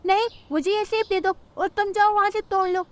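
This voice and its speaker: A woman's voice: very high-pitched, steady tone, fairly quick, slight background noise, pitched above the performer's own voice. Jaggu, a woman doing a bratty young crow boy. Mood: bullying. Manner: rude and boastful. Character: brash bullying young male crow.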